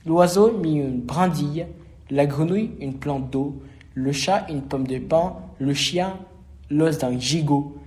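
A man reading a rhymed children's storybook aloud, slow and expressive. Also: a little high.

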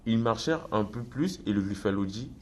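A man narrating a children's storybook in a steady, measured way. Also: fairly low pitch, a little hiss or hum. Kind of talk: storybook reading aloud.

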